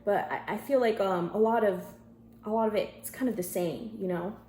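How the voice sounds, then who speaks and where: In an echoey room with a little background noise, a job candidate talks on the phone in a medium-pitched, warm voice at a slightly quick pace. Her answers are casual and a bit hesitant, and she keeps rewording them.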